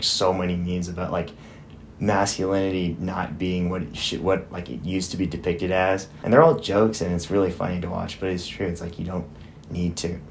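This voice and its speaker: A man's voice: deep voice, slight background noise. An eighteen-year-old man talking casually in a documentary interview, full of "like" and "I guess.". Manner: casual, many fillers like "like".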